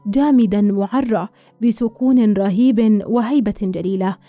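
Mellow-voiced woman narrating a story. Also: mid-range voice, no echo, faint music behind. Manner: measured, literary storytelling.

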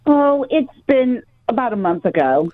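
A woman's voice: a little high, sing-song, unhurried. A woman calling in to a radio show by phone, chatting casually and a little hesitantly over a tinny, echoey line. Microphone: telephone.

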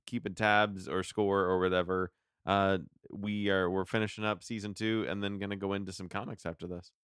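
A man's voice: fairly low pitch, a bit bright, clean tone, dry recording, clean studio sound. A man co-hosting a recap podcast in loose, conversational chat. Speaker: podcast co-host.

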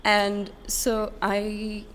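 At a conference center, a young woman from the Czech Republic, newly graduated, answers interview questions in English in a conversational, hesitant, considered manner. Her medium-pitched voice is monotone, a bit bright, and extremely slow. Background noise from the venue includes a distant sound check.

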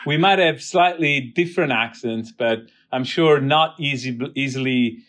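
Italian-accented man, measured and thoughtful. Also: medium pitch, a bit bright. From southern Italy, near Naples. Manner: thoughtful, many restarts and filler "uh". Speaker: guest, biotech CEO. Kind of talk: casual interview talk.

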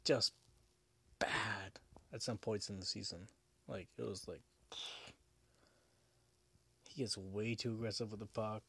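Man, drunk, fairly low pitch, rambling, repetitive, profane, casual solo sports podcast host. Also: fairly even intonation, a little slow, gravelly, pauses often, sharp tone, slightly rough.

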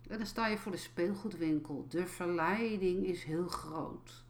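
A woman coach giving a calm, explanatory talk, often repeating herself as she thinks aloud. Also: fairly low pitch, unhurried, slight background noise. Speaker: life coach. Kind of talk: reflective spoken talk.

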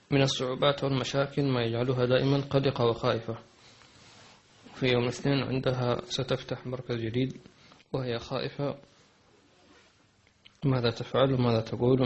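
A man teaching a religious lesson, answering questions with measured advice, pausing on hesitant fillers and restarts. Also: mid-range voice, darkish tone. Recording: dull lo-fi recording.

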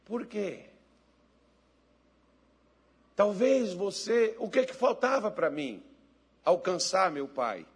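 Pastor, male, high husky voice, folksy preacher who builds to fervent prayer. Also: lively intonation, slow. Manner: folksy storytelling, laughing, rising to loud fervent prayer. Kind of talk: sermon with storytelling and led prayer.

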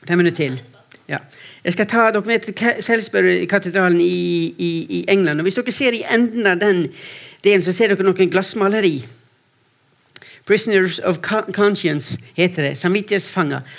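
A man with a high-pitched, gravelly voice preaches to a congregation for a mission to persecuted Christians, telling personal stories. He is earnest, often restarts phrases by repeating words, and alternates between quiet and raised delivery.

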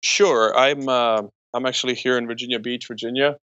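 A Croatian entrepreneur and speaker in his forties appears as a podcast guest, chatting about himself and telling personal stories. His mid-range voice is pushed and bright, with fairly even intonation and normal speed, on a dry, lo-fi recording.

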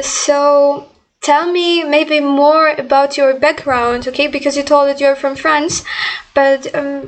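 Slow, high-voiced woman podcast host. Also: low-quality recording. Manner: hesitant, many fillers. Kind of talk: casual podcast interview.

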